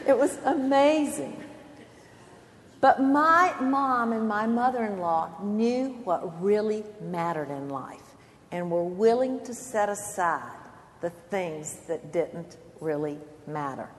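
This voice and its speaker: A woman's voice: mid-range voice, lively intonation, takes it slowly, slight background noise. Older woman giving an earnest devotional talk. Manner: earnest, emphatic, swells and drops in loudness. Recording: long hall reverb.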